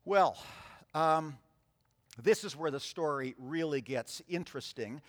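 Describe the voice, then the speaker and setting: Male preacher, slightly high voice, lively storyteller who acts out the characters, recorded in a long-reverb hall. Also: a little slow. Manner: animated storytelling, acts out voices in the scripture reading. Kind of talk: sermon.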